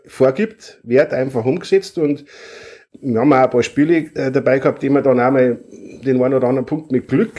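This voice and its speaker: A man's voice: fairly high pitch, darkish tone. A man, a stadium announcer invited as a guest, talking casually with many fillers and restarts. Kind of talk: casual chat.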